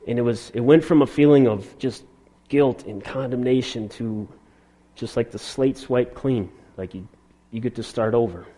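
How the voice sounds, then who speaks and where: A middle-aged man telling a personal testimony in an earnest, halting way, with many restarts and fillers. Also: medium pitch, warm tone. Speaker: speaker sharing a conversion testimony.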